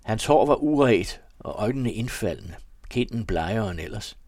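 A man's voice: fairly low pitch, animated, a little mellow, dry recording. A man reading a novel aloud on the radio, summarizing the story in a conversational way with occasional fillers. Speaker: radio reader of a serialized novel.

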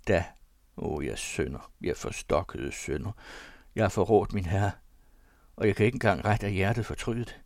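A man with a fairly low voice reads an old diary aloud in the first person. His delivery is emotional, sinking into hushed confession and rising into agitated outbursts. The sound is dry and close. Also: no echo. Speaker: reader.

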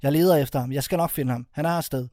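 A man's voice: a little high, warm tone, no room sound, clean studio sound, voice pushed up, close to an everyday voice. Man voicing a tense, anxious young man. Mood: urgent. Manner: urgent, anxious reassurance. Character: tense man hiding fear, reassuring others.

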